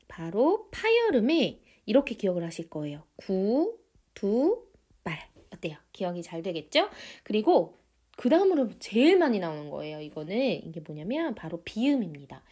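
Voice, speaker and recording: A female teacher gives an online grammar lesson in a cheerful, emphatic way. Her pitch swings widely as she stretches out key terms. The voice itself is mellow and warm rather than bright. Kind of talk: online lecture.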